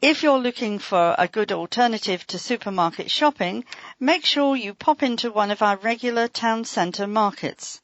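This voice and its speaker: A woman giving a measured, scripted reading of a local council magazine, announcing events. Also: medium pitch, no room sound. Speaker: audio magazine reader. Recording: dry, dull lo-fi recording.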